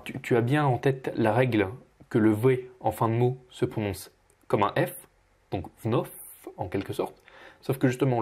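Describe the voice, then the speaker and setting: A man teaching pronunciation as he corrects a student, patiently repeating each word slowly. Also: medium pitch, darkish tone. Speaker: Russian language teacher.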